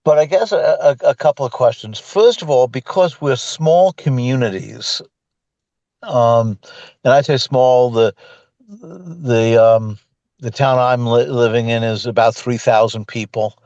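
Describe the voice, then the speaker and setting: A man new to real estate asking a question on a video call, halting and hesitant with many restarts. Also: mid-range voice, a little mellow, dry recording, lo-fi sound. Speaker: caller, new agent.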